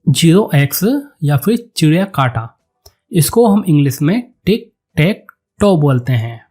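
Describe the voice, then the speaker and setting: Slow, deliberate male vocabulary teacher. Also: fairly high pitch, very animated, warm tone, soft background music. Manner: repeats each word slowly and deliberately. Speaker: English teacher.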